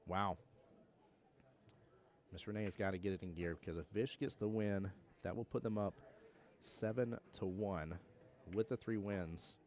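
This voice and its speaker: A man's voice: sits low, steady tone, unhurried, pauses often, a little mellow. A young man from Georgia with a Southern accent, commentating a pool tournament on a live stream and chatting with viewers in a joking, laid-back way. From Georgia, USA. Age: young adult.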